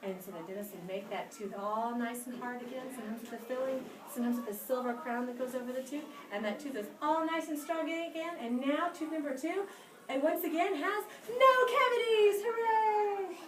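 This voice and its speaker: A woman's voice: on the high side, steady tone, quick pace, few pauses, crowd noise. A woman playing the tooth fairy and telling a dramatic story to a school class, with squeals and cheers. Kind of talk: animated storytelling to children. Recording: roomy, distant with room noise.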